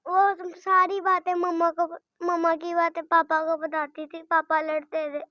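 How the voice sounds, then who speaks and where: A young girl answers in a very high, flat little voice, quiet and on the verge of tears. The sound is dry and a bit dull. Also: no room sound. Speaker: interviewee's young daughter.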